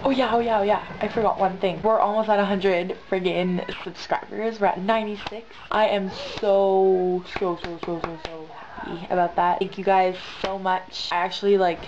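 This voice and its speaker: Congested from being sick, a young woman chats to camera from her bed in a small bedroom, her medium-pitched voice fairly even and moderately paced as she rambles in slang and repeats herself for emphasis. It's a casual vlog recorded on the camera's built-in mic at arm's length, sounding dull and lo-fi with light noise.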